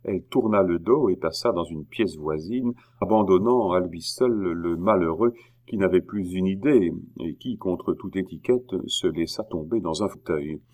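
A man reading a historical novel aloud in a measured way, with occasional hesitations. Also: sits low, a little mellow. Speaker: audiobook reader.

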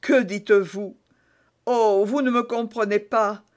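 A man's voice: high voice, steady tone, slow pace, pitched above the performer's own voice. A man reading an audiobook voices a desperate, scheming woman prisoner who pleads and prays in a tearful, theatrical way. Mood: pleading, indignant.

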